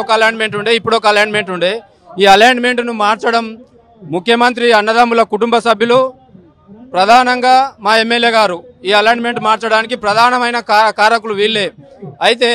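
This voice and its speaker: A man's voice: extremely high pitch, sharp tone. A man, a farmer protester making an indignant, accusing statement to a reporter.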